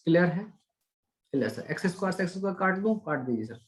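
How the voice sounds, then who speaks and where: A man's voice: high voice, lively intonation, fast talker. A man teaching an online maths class, chatty and coaxing, asking questions and answering them himself for his students. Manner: coaxing, calls students "beta".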